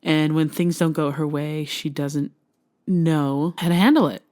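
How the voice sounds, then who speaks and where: A woman's voice: low voice, measured pace, mellow. A young woman hosting a solo podcast, talking in an earnest, heartfelt way and laughing often. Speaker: podcast host.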